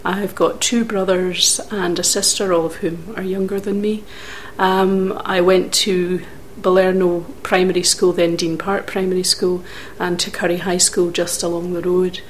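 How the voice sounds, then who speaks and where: Low-voiced middle-aged Scottish woman. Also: flat delivery, a little hiss or hum. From Scotland. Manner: measured, thoughtful recollection with occasional hesitations. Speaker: interviewee. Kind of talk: life-story interview.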